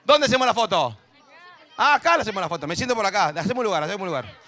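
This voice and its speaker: A man hosting a school event on stage, chatting and joking with teachers and kids, cheering one moment and dropping into low asides the next. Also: big pitch swings, racing, bright, forceful tone. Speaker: event host.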